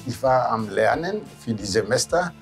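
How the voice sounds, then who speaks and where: A Greek cruise ship captain in his sixties reminisces casually over background music, his mid-range voice expressive and moderately paced. He speaks in non-native, Greek-accented English with loose grammar, often tacking on short questioning tags.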